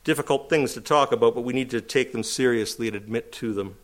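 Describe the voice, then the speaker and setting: A middle-aged male pastor preaching a sermon, rising to emphatic, high-pitched calls between calmer stretches. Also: fast talker.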